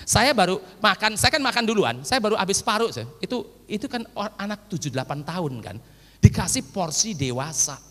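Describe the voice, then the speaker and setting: A man preaching a sermon as a pastor, telling a story with acted quotes and calling loudly to his listeners. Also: high voice, very animated, a little fast. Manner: loud, forceful preaching, says he preaches loudly. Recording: echoey long-reverb hall, old sermon recording.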